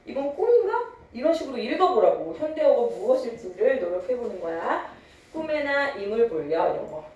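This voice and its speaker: A woman's voice: fairly high pitch, sing-song, brisk, a little mellow, heavy reverb, distant mic, lo-fi sound, slight background noise. A young woman teaching a literature lecture, chatty and teasing, mixing casual and polite speech. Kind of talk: online lecture.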